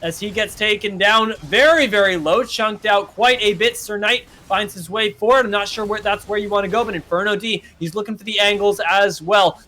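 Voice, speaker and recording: A man casting a live esports match, calling play-by-play at speed and rising to shouts in big fights. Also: high-pitched. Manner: rapid play-by-play that climbs to shouting at big plays.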